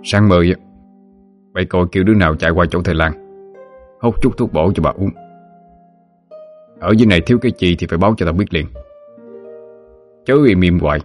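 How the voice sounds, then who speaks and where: A man voicing a soft-spoken, restrained master of the house, in a storybook reading. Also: low-pitched, fairly quick, long pauses, faint music behind, natural voice. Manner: soft-spoken despite irritation.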